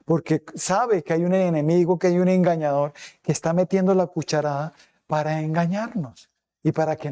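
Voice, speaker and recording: A male pastor delivering a sermon in a high, gravelly voice with a dark, mellow tone. He keeps asking his congregation rhetorical questions. He also acts out quoted remarks in a changed voice.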